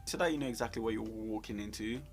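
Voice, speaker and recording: Co-hosting a career advice talk on job interviews, a man coaches in a conversational, emphatic way and repeats points to drive them home. His voice is lowish and quick, over soft background music.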